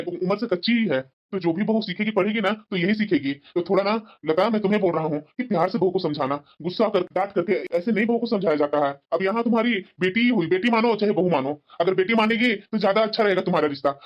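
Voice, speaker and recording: A man voicing a kind middle-aged father who lectures his family patiently in a cartoon story. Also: high voice. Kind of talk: cartoon dubbing. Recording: dull lo-fi sound.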